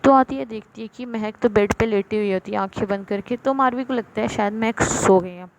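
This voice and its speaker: A woman casually retelling a romance story in a soft, low-key way, with many fillers. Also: fairly quick, creaky, slight background noise, low-quality recording.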